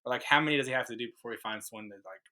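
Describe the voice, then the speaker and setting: A man's voice: medium pitch, very fast, pushed and bright, rough recording. A young man hosting a casual podcast in a shared room, telling stories with lots of fillers. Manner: rambling storyteller, many fillers. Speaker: podcast host. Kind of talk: casual chat. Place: room, recording with cohosts.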